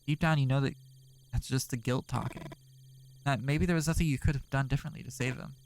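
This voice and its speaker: A man's voice: mid-range voice, steady tone, fast talker, a little hiss or hum, low-quality recording. A man streaming a narrative game, reading its text aloud and breaking off for sarcastic, profane asides.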